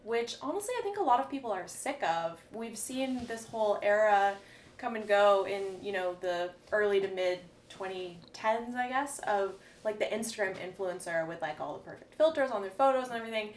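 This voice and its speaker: A woman's voice: medium pitch, moderate pace. Female host, easygoing and thoughtful, heard at a distance in a roomy space. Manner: relaxed, musing, many "um"s and soft laughs. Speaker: podcast host. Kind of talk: casual podcast conversation. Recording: roomy, distant mic with faint background noise.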